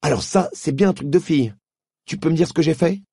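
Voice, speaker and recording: A man's voice: fairly high pitch, a little fast, gravelly, warm tone, slightly rough, no echo, studio quality, voice pushed up. A man doing an anxious young boy. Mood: pleading. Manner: pleading, defensive. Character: anxious young boy, worried for his mother.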